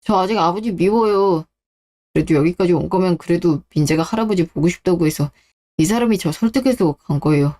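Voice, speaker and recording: A man's voice: high voice, brisk, mellow, close to an everyday voice. A performer voicing a young adult son in a radio drama, who speaks firmly and earnestly to his father. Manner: firm, earnest. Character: grown son, firm but forgiving.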